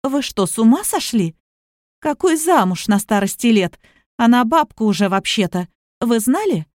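A woman's voice: medium pitch, expressive, moderate pace, darkish tone, dry recording, clean studio sound, close to an everyday voice. A woman reading the lines of a selfish adult daughter who speaks with scorn and hysteria. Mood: scornful.

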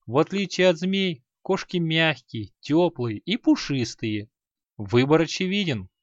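A man reading a fantasy story aloud in a measured, expressive storytelling manner. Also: fairly high pitch, dry recording, muffled recording. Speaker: audiobook narrator. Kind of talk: scripted fantasy narration.

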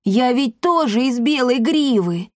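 A woman's voice: fairly high pitch, moderate pace, dry recording, clean studio sound, natural voice. Woman doing a timid plump young man. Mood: proud.

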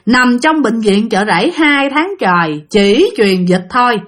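A woman's voice: fairly high pitch, animated, measured pace, fairly bright tone. A woman with a Southern Vietnamese accent telling a spoken story, acting out the quarrels in raised voices. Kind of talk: spoken ghost-story narration.

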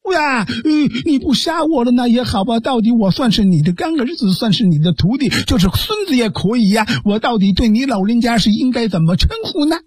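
A male storyteller voicing a cunning, fawning swordsman who speaks with a southern Chinese accent, pitched up into a pleading whine. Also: animated, a little fast, few pauses, darkish tone, slightly rough, dry recording, clean studio sound, full character voice. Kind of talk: traditional storytelling role voice.

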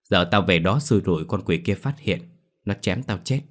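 A man's voice: sits low, animated, moderate pace. A man voicing a stubborn, nervous young man who speaks bluntly in an audiobook ghost story.

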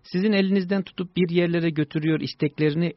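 A man hosting a radio advice show, calmly reassuring listeners and explaining child-rearing answers to their emails. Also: a little high, fast talker, no room sound. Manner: reassuring, explanatory, with lively stressed peaks. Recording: dull lo-fi broadcast, dry.

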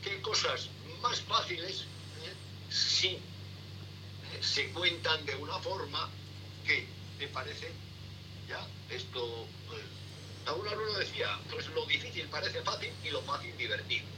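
A middle-aged man, a sailing instructor, answering interview questions in a halting way, full of fillers and tag questions. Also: a little high, animated. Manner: halting, many fillers and repeated "¿eh?". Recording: distant noisy remote line.

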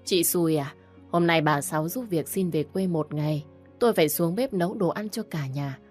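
A woman's voice: sits low, normal speed, a little mellow, soft background music. A woman doing a weary older mother-in-law. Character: put-upon older mother-in-law, defensive.

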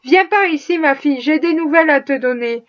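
A woman reading the part of a kind, gentle Quaker matron, speaking softly and tenderly. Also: high voice, a little fast, natural voice. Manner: soft and tender. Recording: muffled lo-fi audio.

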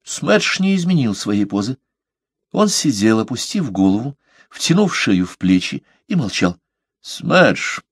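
A man narrating an audiobook with an expressive, dramatic reading. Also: on the low side, unhurried, slightly rough, dry recording, studio quality.

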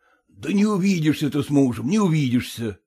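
A man voicing a stern elderly father who coaxes his daughter in a gruff, insistent way. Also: a little high, lively intonation, brisk, warm tone.

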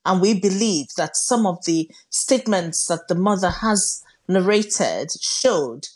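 A woman's voice: fairly low pitch, expressive, slow pace, darkish tone, breathy edge. A middle-aged woman speaking emphatically and with passion in a live radio interview. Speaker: interviewed campaigner, chief executive and professor.

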